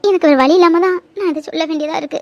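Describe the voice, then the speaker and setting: A woman's voice: very high voice, steady tone, very fast, no echo, muffled recording. Woman voicing a tearful young woman in love. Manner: pleading, tearful. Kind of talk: cartoon voice acting.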